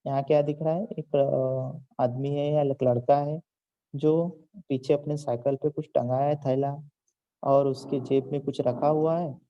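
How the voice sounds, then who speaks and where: A man teaches children online, reading words aloud one by one and patiently explaining how each is pronounced. His voice is deep-toned, very dark and mellow. The sound is slightly dull and lo-fi. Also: fairly even intonation, unhurried. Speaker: school teacher. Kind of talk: online Hindi lesson for children.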